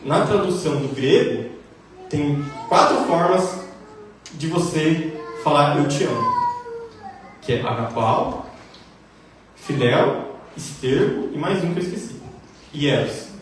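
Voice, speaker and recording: A man preaching a sermon in a church hall, animated and acting out quoted dialogue. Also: a little high, slow, pauses often. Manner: animated, acts out quoted dialogue with rising emphasis. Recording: echoey church hall, distant mic, faint hiss.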